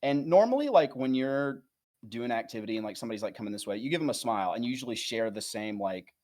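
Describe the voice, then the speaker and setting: A man co-hosting a comedy podcast, telling a rambling, animated anecdote in casual chat with some swearing. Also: medium pitch, fast talker. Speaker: podcast co-host.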